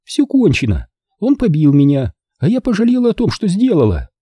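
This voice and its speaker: Guy doing a high strained young woman, mocking, husky undertone, audiobook. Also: huge pitch swings, fairly quick, dark tone, dry recording, full character voice. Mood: tense. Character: sharp-tongued young woman, tense and mocking. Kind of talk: audiobook character voice.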